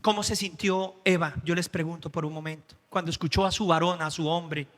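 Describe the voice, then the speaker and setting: A Colombian man preaching a dramatic sermon in a church, acting out Bible scenes and swinging from soft, low passages to loud, high exclamations. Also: steady tone, fairly quick. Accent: Colombian Spanish. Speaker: pastor. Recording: long reverb of a church hall.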